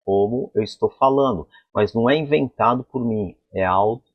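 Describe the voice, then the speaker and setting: A man's voice: fairly low pitch, moderate pace, husky, dry recording, muffled recording. A man teaching an English pronunciation lesson at a board, explaining sounds and asking the class rhetorical questions. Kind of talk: whiteboard phonetics lesson.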